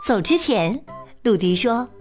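Brief: female storyteller, unhurried sing-song read-aloud, bouncy swooping pitch. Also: faint music behind. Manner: slow, expressive and sing-song. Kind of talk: children's picture-book read-aloud.

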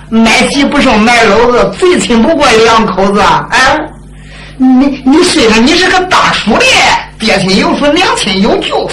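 A man voicing a shrewd, jovial old duke who scolds a prince in a drum-ballad story, teasing him with laughs and shouts. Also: very high-pitched, slight background noise, full character voice. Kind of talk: drum-ballad storytelling with spoken role-play. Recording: roomy, loud instrumental accompaniment.

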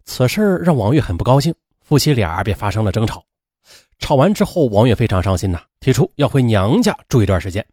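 A man's voice: mid-range voice, very animated, brisk, darkish tone, breathy edge, no room sound, studio quality. A man narrating a true-crime story dramatically and emphatically.

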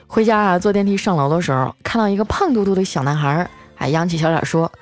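A woman's voice: lowish voice, fast. A woman hosting a comic storytelling show, chatty and playful, drawing out the ends of her sentences. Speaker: radio-style comedy host. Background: faint background music.

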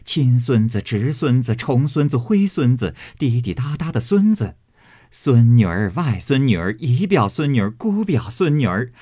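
A man's voice: medium pitch, mellow, husky, no echo, clean studio sound. A man voicing a witty, teasing young noblewoman who tells jokes with mock solemnity in an audiobook reading. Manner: playful, mock-solemn storytelling. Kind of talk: audiobook reading of a classic novel.

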